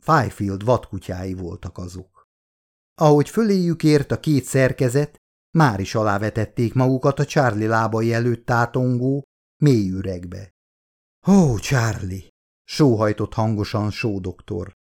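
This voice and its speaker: A man's voice: fairly low pitch, darkish tone. Man narrating an audiobook. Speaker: author reading own book.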